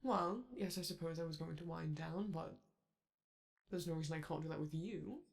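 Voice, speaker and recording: A romantic audio roleplay features a performer as a vain, charming male robot TV star with a flamboyant streak, flirting with the listener in a fond, theatrical manner. The delivery is mid-range at normal speed, with vocal fry and a sound close to an everyday voice.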